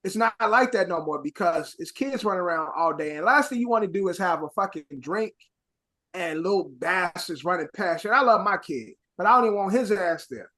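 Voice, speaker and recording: Guy with a high voice, co-host just rambling and cussing loose on a podcast. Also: animated, brisk, bright, forceful tone. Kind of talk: casual chat.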